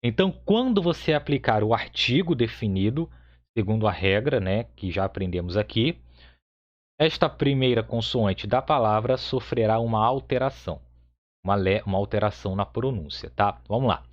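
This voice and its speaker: A man's voice: fairly low pitch, animated, moderate pace. A man teaching a Hebrew grammar lesson, explaining step by step in a patient way and often checking with the listener. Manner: patient, repeats points with frequent "tá?" checks. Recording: slightly dull lo-fi audio.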